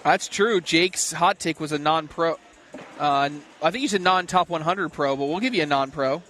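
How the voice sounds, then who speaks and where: A man's voice: fairly high pitch, moderate pace, fairly bright tone, a little hiss or hum. A man commenting on a cornhole tournament from a booth, analytical and bantering with his co-host. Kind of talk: casual sports commentary.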